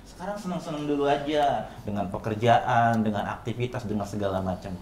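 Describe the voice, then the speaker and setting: A man's voice: medium pitch, brisk, a little mellow, reverberant, a little hiss or hum. A man guest in a casual interview, speaking earnestly and in a preachy way.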